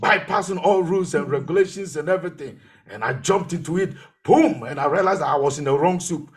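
A man's voice: fairly high pitch, brisk. A man pastor preaching a sermon, telling his own testimony and repeating phrases for emphasis.

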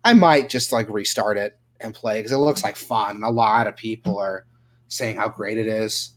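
Casual swearing gaming podcast host. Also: male voice, fairly low pitch, normal speed. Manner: casual, swears freely, lots of fillers. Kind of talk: casual gaming news chat.

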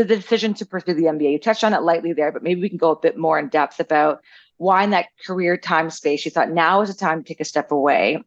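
A woman's voice: sits low, dry recording, muffled recording. A woman from an admissions team hosting an upbeat podcast panel interview with students.

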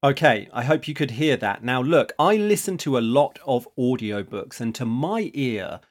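A man hosts a podcast, reading his prepared script in a measured, explanatory way. His voice sits at a middling pitch for a man. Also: very animated. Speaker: podcast host.

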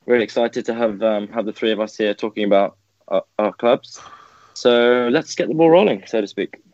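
A man's voice: lowish voice, moderate pace, a little mellow, no room sound. A man from England co-hosting a football podcast in an easygoing, joking way. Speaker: podcast co-host. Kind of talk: casual chat. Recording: dry, dull lo-fi audio.

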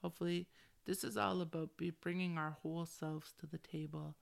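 A middle-aged woman hosts a solo podcast, talking candidly in a relaxed, slangy way and sprinkling "like" through her sentences, valley-girl style. Her voice sits low with a level tone, a fairly quick pace, and a creaky quality.

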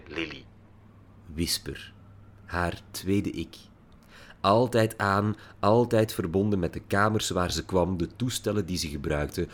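A man narrating an audiobook in a deliberate, expressive way, with dramatic pauses. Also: low voice. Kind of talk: scripted narration.

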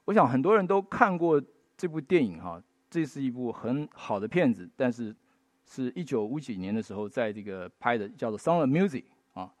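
A man's voice: medium pitch, sing-song, fairly quick, no echo. A man preaching a sermon in Mandarin, telling stories with folksy tag particles and rising to emphatic bursts. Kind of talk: sermon with storytelling.

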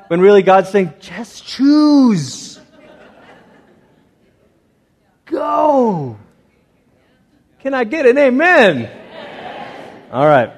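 A man's voice: medium pitch, darkish tone. A man preaching an evangelical sermon as a pastor, exhorting his congregation with rhetorical questions and short repeated phrases. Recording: reverberant hall.

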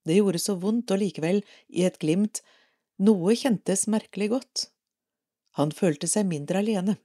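A Norwegian woman reading a devotional article aloud for an audio edition of a parish magazine, calm and measured. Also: mid-range voice.

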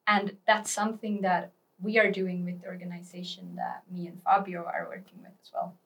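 A young woman from Finland, a student guest on a podcast, explaining her views in a thoughtful, steady way. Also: fairly low pitch, moderate pace, vocal fry, far from the mic. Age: young adult. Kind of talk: casual interview talk.

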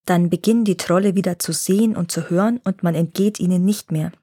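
A woman voicing a wise old grandfather gnome who tells old tales in a calm, measured way, reading a fairy tale aloud. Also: lowish voice, close to an everyday voice. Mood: telling. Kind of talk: storybook reading.

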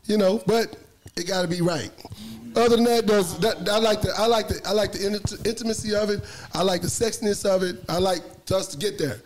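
Man with a high voice, animated storyteller in a loose group chat. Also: brisk, a little hiss or hum. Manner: animated storyteller, acts out quotes. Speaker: podcast co-host.

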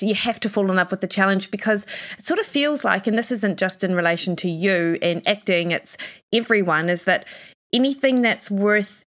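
A woman's voice: mid-range voice, fairly bright tone. A woman hosting a podcast who speaks in a thoughtful, reflective, conversational way. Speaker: podcast host. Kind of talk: casual chat.

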